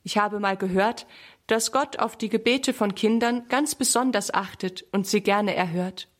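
Woman reading as a calm, pious mother, kindly tone, storybook. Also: medium pitch, a little slow, close to an everyday voice. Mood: gentle.

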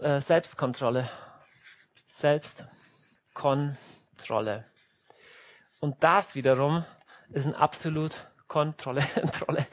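An emphatic preacher delivers a sermon with a husky voice and a very animated pitch. The speaker illustrates points with everyday family scenes and acts them out now and then.

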